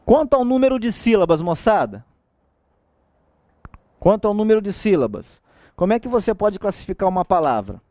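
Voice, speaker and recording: A man's voice: sits high, moderate pace, pauses often, no echo. A man with a Brazilian Portuguese accent giving an exam-prep grammar lecture, asking rhetorical questions and checking in with the class often. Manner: lively, asks rhetorical questions, frequent checks like "tá?". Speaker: teacher.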